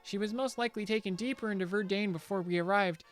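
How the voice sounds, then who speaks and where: Earnest young soldier from a video game, high-pitched and respectful, as a streamer puts him on. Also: male voice, fast talker, faint music behind, lightly acted. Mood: reporting. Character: dutiful young male soldier. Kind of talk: reading game dialogue aloud.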